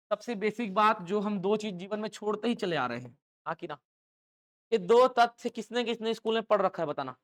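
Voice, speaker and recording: Lively male teacher lecturing a class. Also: high voice. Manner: call-and-response questioning, lively rhetorical checks. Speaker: English teacher for exam coaching. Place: classroom with students.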